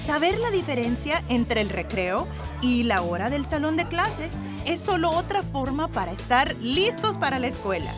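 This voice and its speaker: A woman's voice: high-pitched, big pitch swings, moderate pace. A young adult woman hosting a children's show, presenting from a script in an encouraging, playful way. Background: music.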